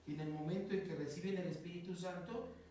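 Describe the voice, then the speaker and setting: A man's voice: high-pitched, fairly even intonation, fast, dark tone. A man with a Mexican accent, a priest teaching a casual Bible class, talking things through with fillers and rhetorical questions. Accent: Mexican Spanish. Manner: conversational, explains with many fillers and rhetorical questions. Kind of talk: informal Bible class explanation. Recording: roomy echo, distant mic, faint noise.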